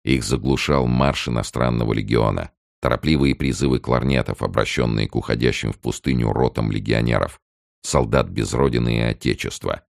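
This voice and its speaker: A man narrating an audiobook in a measured, serious reading style. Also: extremely low pitch, gravelly, no room sound, studio quality. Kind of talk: scripted narration.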